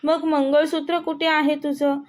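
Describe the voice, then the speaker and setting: A woman's voice: high-pitched, level tone, measured pace. A woman voicing an affectionate old grandmother who teases and scolds her grandson fondly. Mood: fond scolding. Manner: scolding, fond teasing.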